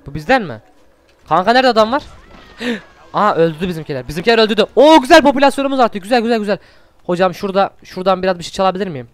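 A high-pitched man gives a let's play commentary, excitable and loose with his swearing. His voice is smooth and clear. He keeps calling to and praising the wolf at his side. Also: rapid-fire. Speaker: gaming channel host.

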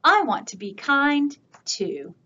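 Happy playful storybook dog, a lady doing the voice, highish, dull lo-fi sound. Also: sing-song, slow pace, sharp tone, full character voice. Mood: cheerful.

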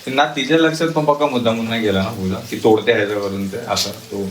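A man's voice: fairly low pitch, fast talker, a little hiss or hum. A man in his thirties filming a casual family vlog at home, animatedly coaxing and teasing his little daughter. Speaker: family vlogger, father.

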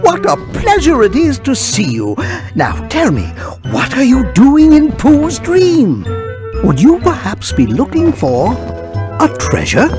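Owl, pompous, swooping old bird. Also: male voice, extremely high pitch, wildly swooping pitch, slow, heavily acted. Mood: jovial, welcoming. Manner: pompous, wordy, hooting. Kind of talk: animated video game dialogue. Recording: studio voice over game music.

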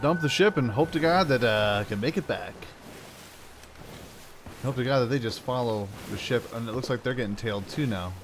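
A man with a mid-range voice at normal speed hosts a gaming video over game music. He thinks aloud in casual, playful commentary full of exclamations.

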